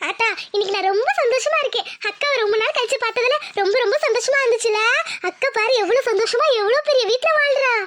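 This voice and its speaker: Woman as teen girl, squeaky high, bright, eager. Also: fast. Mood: happy. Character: chatty teenage village daughter.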